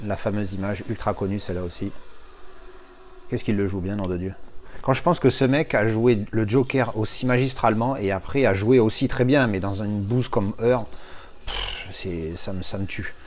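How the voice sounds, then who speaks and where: A man talking viewers through an unboxing in a casual, chatty way, thinking aloud and breaking into excited exclamations. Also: fairly low pitch, normal speed, slight background noise. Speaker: collector reviewing an unboxing.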